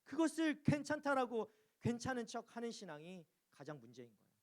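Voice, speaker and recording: A man preaches in a church with a fairly high voice. He presses his listeners with questions and voices heartfelt cries to God. The delivery is emphatic and earnest. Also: very animated, a little fast. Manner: emphatic, questioning the congregation, acting out anguished cries. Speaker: pastor. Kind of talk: sermon.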